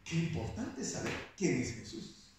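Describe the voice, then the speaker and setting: A man preaching a sermon, slow and emphatic, rising now and then into shouts. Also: fairly high pitch, sing-song, noisy background. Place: church hall. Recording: very echoey hall, voice picked up from a distance.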